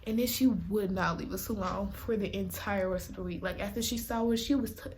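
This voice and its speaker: A young woman vlogger telling a casual storytime, animated and laughing, with dramatic whispered asides. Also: medium pitch, brisk, a little hiss or hum.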